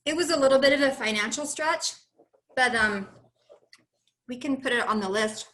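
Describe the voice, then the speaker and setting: A woman, a parent, asking an audition coach hesitant, halting questions over a video call. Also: sits high, fairly bright tone.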